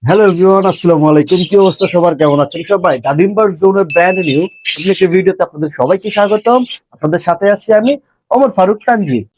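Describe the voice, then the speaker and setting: A man's voice: high-pitched, fast talker, a little mellow, dry recording, low-quality recording. A young man from Bangladesh talking casually to his viewers about the birds he keeps, friendly and explaining as he shows his cages. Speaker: bird-keeping vlogger. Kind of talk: casual vlog talk to viewers.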